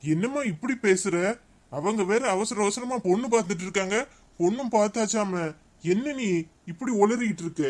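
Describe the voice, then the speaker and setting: A man's voice: sits high, expressive, moderate pace. Man voicing an earnest cartoon elder brother. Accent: Tirunelveli Tamil. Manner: earnest, questioning.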